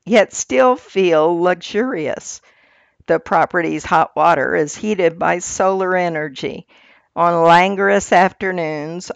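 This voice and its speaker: A woman reading scripted narration in a measured, articulate nature documentary manner. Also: on the low side, no echo.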